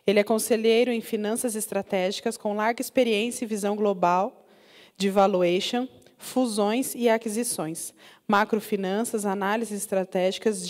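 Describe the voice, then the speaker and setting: A woman's voice: mid-range voice, darkish tone, in a large hall. A woman from the event team welcoming a small audience and introducing the evening's speaker. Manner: brief, welcoming announcements. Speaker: event host.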